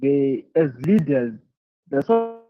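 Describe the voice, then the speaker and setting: Man from Zimbabwe, halting, tinny call audio. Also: fairly high pitch, big pitch swings, no echo, soft background music. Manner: thoughtful, halting, repeats words while searching for them. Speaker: leadership speaker answering questions. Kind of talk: online masterclass Q&A.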